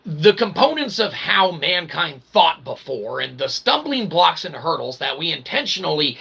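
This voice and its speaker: An independent researcher and vlogger rambles through a casual, folksy monologue, full of slang and mock-grand wording, checking in with the listener again and again with "okay" and "all right." His fairly high voice is very animated and moves at a moderate pace, bright and pushed, with vocal fry and a breathy edge.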